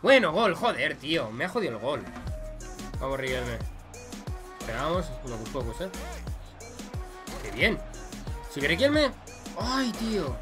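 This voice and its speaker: Young man, Spain Spanish accent, gaming commentary, high and very lively voice, faint music behind. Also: a little slow, long pauses. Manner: excitable, swings from muttering to loud shouts. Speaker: gaming YouTuber. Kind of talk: excited gameplay commentary.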